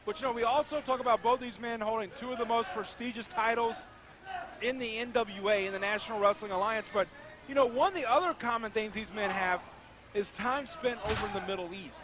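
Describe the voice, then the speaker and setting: A man's voice: sits high, fairly quick, poor audio. A man giving conversational, emphatic color commentary on live wrestling, often restating his points. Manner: conversational, emphatic, repetitive phrasing.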